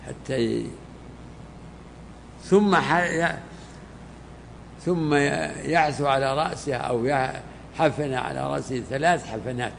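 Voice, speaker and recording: An older man, a sheikh, explaining a classical text to students in unhurried, halting commentary. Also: fairly high pitch, gravelly. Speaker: sheikh teaching a hadith text. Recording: hall reverb, faint background noise.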